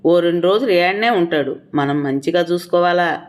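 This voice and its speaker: In this storybook reading, a bossy, hard-drinking village husband , played by a woman narrator, talks rough and commanding. He claims what he wants with blunt, heavy-handed words. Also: fairly low pitch, moderate pace, close to an everyday voice. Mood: boozy welcome. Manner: rough, commanding rural speech. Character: drunk, domineering village husband, male.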